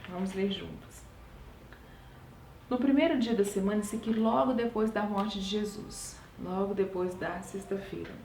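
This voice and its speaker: A woman reading scripture aloud at home and breaking off into expressive, exclamatory asides to her listeners. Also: mid-range voice, slight background noise. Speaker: Bible study leader. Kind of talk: devotional Bible reading with commentary. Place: home at night. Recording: roomy, distant mic, faint ambience.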